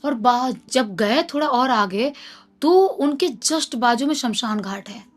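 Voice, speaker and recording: A woman's voice: a little high, animated, slow pace. A woman narrating a horror story in a dramatic, conversational way. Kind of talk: casual spoken storytelling.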